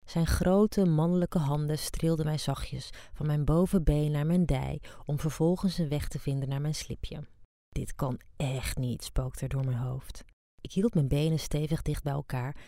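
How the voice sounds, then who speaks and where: Woman, erotic story reader, low mellow tone with some fry, dry close sound. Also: dry recording. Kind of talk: scripted erotic story reading.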